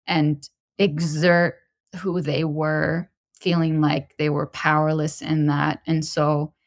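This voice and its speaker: A woman in her thirties from Lebanon, a podcast guest telling her personal story in a measured, introspective way. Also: low-pitched, level tone, no room sound, studio quality. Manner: measured and introspective, pausing to find words.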